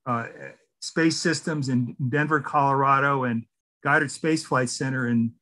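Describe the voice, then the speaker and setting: A middle-aged man, a scientist, giving a presentation over a video call, careful and spelling terms out slowly. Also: medium pitch, steady tone, sharp tone. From Syria. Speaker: guest scientist speaker. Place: room indoors. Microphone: video call webcam.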